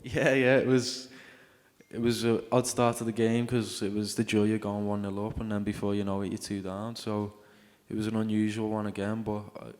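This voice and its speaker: A young footballer answering interview questions modestly, hesitating and ending answers with "yeah". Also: male voice, on the low side, little pitch movement, normal speed, darkish tone, big-room sound. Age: young adult. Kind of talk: casual interview.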